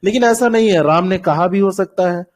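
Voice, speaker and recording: A man teaching an online doubt-clearing class, explaining patiently through repeated examples over a call mic. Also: high voice, a little fast.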